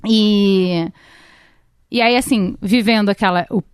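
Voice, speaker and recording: A woman's voice: mid-range voice, slow pace, clean tone, no echo, studio quality. A Brazilian woman in her thirties telling a long personal story in a casual chat, with many fillers and restarts.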